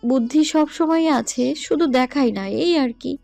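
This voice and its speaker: A woman's voice: high voice, a little slow, gravelly, mellow, no room sound, faint music behind. A woman playing a stubborn young student who talks back with defiance and a teasing, playful edge in an audio love story.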